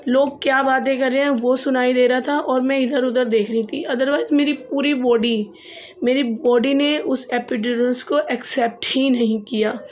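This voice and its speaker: Young female vlogger, slightly high voice, casual storytelling, repeats herself for emphasis. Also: fairly even intonation, measured pace, slight background noise. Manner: chatty, repeats phrases for emphasis, laughs at herself.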